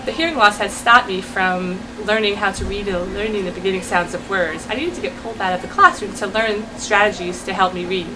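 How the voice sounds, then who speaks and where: A woman teacher giving steady, earnest personal testimony with a few pauses. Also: mid-range voice, rough recording.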